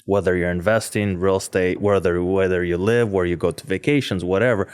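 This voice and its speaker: A man in his forties who grew up in Russia, chatting as a podcast guest. His voice sits very low and sounds smooth and resonant, and he tells his stories with animated energy and easy laughter. The recording is close and dry. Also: a little fast, no echo. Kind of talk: casual interview chat.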